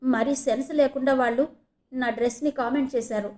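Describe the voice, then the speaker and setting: A woman's voice: high-pitched, steady tone, a little fast, warm tone, lightly acted. A woman narrator voicing a hurt, defiant young female student. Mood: indignant. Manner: indignant, complaining.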